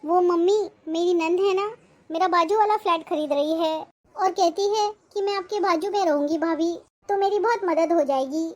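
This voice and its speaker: A woman's voice: extremely high pitch, moderate pace. A woman playing an anxious, complaining young married woman in an acted family drama. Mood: fretful. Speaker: married daughter. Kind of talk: acted Hindi family short film.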